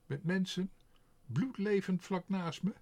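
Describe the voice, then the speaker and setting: A man voicing an indignant, boastful male crow in an audiobook, with a proud, quick-to-take-offence way of talking. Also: high voice, darkish tone, voice pushed up. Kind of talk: audiobook character voice.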